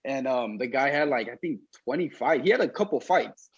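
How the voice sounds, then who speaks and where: Husky young man, dull echoey audio. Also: medium pitch, expressive, moderate pace. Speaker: boxer being interviewed. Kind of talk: casual interview chat.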